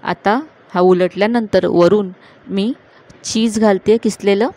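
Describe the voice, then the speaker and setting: Calm woman explaining a recipe. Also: mid-range voice, takes it slowly. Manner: calm, instructive, addressing viewers directly. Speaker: cooking channel host. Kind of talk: step-by-step cooking voice-over.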